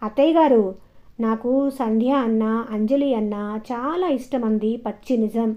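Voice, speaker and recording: A woman's voice: fairly high pitch, a little slow, close to an everyday voice. A woman storyteller voicing a middle-aged widowed father who talks earnestly and a little sheepishly, in a dull, lo-fi recording. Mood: pleading.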